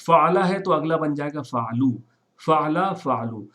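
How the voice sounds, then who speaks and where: A man with a slightly higher-than-usual voice leads a recorded lesson, explaining Arabic verb forms in Urdu with English words mixed in. He speaks patiently, repeats each form and keeps checking in with his students. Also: lively intonation, a bit bright. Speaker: Quran Arabic teacher. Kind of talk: classroom-style recorded lesson.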